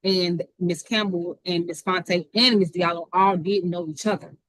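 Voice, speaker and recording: A woman attorney arguing her side in a hearing over a video call, talking fast. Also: fairly low pitch, steady tone, a bit bright, no room sound, poor audio. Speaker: defense attorney. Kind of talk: courtroom argument.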